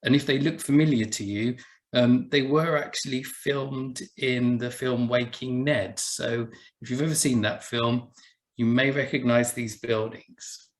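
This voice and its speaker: A man with an Essex accent presents in a webinar, his voice at a middle pitch. He explains steadily and patiently, sometimes restarting a phrase as he goes. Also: steady tone. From England. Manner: measured, explanatory, with small restarts. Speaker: buildings officer giving a talk.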